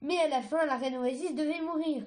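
A woman reading a storybook aloud, haltingly, with restarts. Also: high voice, a little mellow. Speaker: reader.

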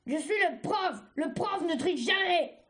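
Woman doing a shouty bossy red dragon girl, mean sarcastic fight teacher, high and loud. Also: unhurried.

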